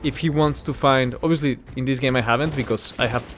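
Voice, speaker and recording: A man's voice: medium pitch, fast talker, a bit bright, soft background music. A man giving casual, rambling game commentary while he plays, easily sidetracked by the action. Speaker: gaming video host. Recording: clear background game noise.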